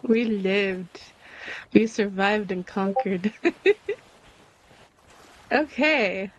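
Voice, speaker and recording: Excitable woman gushing while gaming w a friend, high voice, talks slow. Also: muffled recording. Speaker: co-player. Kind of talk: casual gameplay chat.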